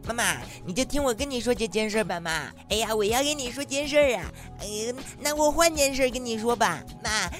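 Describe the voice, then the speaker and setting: A man's voice: very high-pitched, expressive, a little fast, hardly any pauses, a bit bright, faint music behind, pitched above the performer's own voice. A man voicing a pestering little boy, whining over and over in a comic story. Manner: whining, repeating "mama" over and over. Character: whiny little boy pestering his mother.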